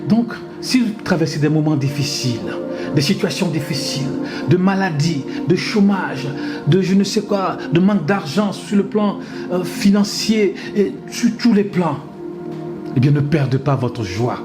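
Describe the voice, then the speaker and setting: Pastor in his fifties, slightly high voice, emphatic and repetitive, music underneath. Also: animated, normal speed. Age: 50s. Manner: emphatic, repetitive, punctuated by amens and hallelujahs. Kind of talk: exhorting sermon talk with his wife.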